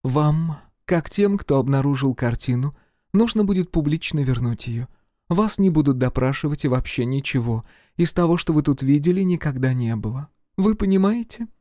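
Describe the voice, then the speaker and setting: A man's voice: on the high side, expressive, moderate pace, warm tone, no echo, clean studio sound, natural voice. A man reading an audiobook voices a cold, determined female agent who gives commands. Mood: stern.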